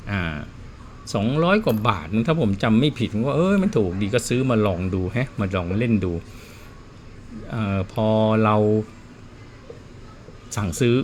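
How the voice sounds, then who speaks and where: A man's voice: lowish voice, darkish tone, slight background noise. A man who repairs watches, talking casually and telling stories in a plain, chatty way while he works. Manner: chatty storyteller, plain spoken. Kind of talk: casual explanatory chat.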